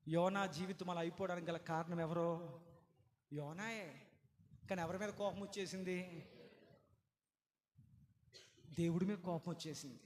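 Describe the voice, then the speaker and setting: A man preaching a sermon, animated, acting out quoted voices and putting questions to the congregation. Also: high-pitched, normal speed, pauses often, a little hiss or hum. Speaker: pastor. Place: church hall. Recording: reverberant church hall.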